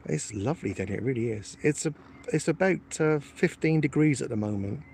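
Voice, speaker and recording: A man's voice: mid-range voice, animated, fairly quick, vocal fry, darkish tone, slight background noise. A man, live-streaming from his phone outdoors by the water, chatting casually with his viewers in a cheeky, joking, self-mocking way. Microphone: phone held in hand.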